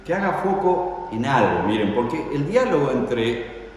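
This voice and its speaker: A preacher tells the story dramatically, his pitch swinging widely as he keeps asking his listeners questions. He stands well away from the mic in a church hall with heavy echo and a long reverb tail. A faint noise sits underneath. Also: very animated, measured pace, darkish tone. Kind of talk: sermon. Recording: echoey hall, voice from far off.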